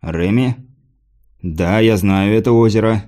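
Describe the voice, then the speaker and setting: A man's voice: on the low side, unhurried, mellow, natural voice. A man voicing a stern, proud warrior king in an audiobook, curt and commanding. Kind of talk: audiobook character voice.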